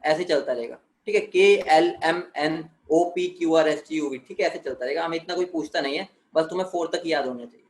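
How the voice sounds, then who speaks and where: A man with a high voice gives a chemistry lesson in an echoey room. He keeps checking in with "theek hai" and answers his own questions as he walks the class through the material. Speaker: chemistry teacher. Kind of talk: classroom lecture.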